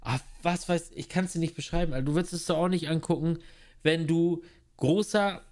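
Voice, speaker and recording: A man's voice: on the high side, steady tone, a little fast, a little mellow. Guy on a podcast, blunt and sarcastic, rants a lot, swears casually. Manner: blunt, slangy, sarcastic ranting. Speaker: podcast co-host. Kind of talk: casual chat.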